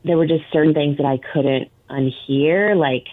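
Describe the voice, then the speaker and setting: A woman's voice: low-pitched, fairly even intonation, moderate pace, dry recording. A woman called on air by a radio show, explaining herself hesitantly with many fillers, heard over a tinny phone line.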